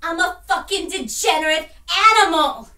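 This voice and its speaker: A woman's voice: very high-pitched, normal speed, bright, forceful tone, reverberant, recorded from a distance. A woman playing a brash, volatile young starlet from Jersey with a New York Queens accent, performing a profane, explosive dramatic monologue. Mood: furious.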